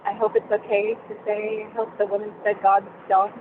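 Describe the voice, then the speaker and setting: A woman's voice: mid-range voice, level tone, moderate pace. A woman on a phone call from her moving car, sharing casually with a group and rambling with many fillers and restarts. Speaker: participant in a women's discussion call. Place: driving in a car. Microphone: headphones on a call. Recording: tinny phone line with car noise.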